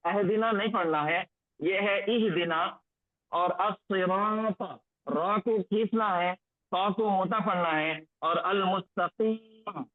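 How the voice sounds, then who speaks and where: High-voiced man teaching over a tinny line. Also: no echo. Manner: slow, repetitive drilling of recitation phrases. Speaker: Quranic Arabic grammar teacher. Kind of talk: online lesson, explaining and drilling recitation. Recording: tinny phone-like lo-fi audio, dry.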